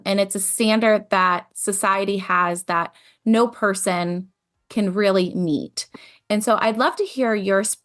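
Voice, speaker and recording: A woman hosting a podcast, opening with a scripted intro and then talking in an articulate, measured way. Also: mid-range voice. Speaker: podcast host.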